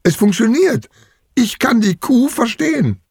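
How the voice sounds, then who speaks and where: A man voicing an excited young girl in a raised, eager voice for a children's story. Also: very high-pitched, a little slow, vocal fry, slightly rough, dry recording, clean studio sound, pitched above the performer's own voice, full character voice. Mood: amazed.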